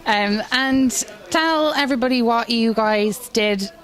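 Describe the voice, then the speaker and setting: Cheerful woman interviewer. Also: on the high side. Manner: cheerful, brisk questions. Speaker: event interviewer. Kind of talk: casual event interview.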